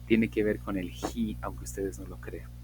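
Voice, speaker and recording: Male English teacher, patient and explanatory, lowish voice, faint hum behind. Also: steady tone, darkish tone, low-quality recording. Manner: patient, explanatory, with slow drawn-out example questions. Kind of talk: online class lecture.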